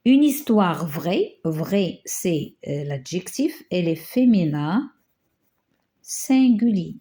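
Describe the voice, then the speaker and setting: Slow, soft-toned woman teaching grammar. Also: on the low side, very animated. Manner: slow, stretches example phrases, frequent hesitations. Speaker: primary school teacher. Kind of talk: grammar lesson correcting exercises.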